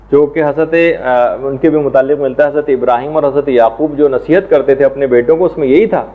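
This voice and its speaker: A man teaching a religious lesson in a measured, explanatory way, now and then reciting Arabic prayers and verses. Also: on the high side. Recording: tinny phone-like sound.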